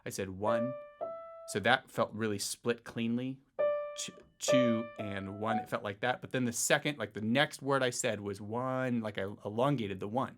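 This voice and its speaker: A man teaching a piano lesson, explaining rhythm in a relaxed way and counting beats aloud in a sing-song voice. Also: mid-range voice, moderate pace. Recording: faint piano music underneath. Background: piano playing.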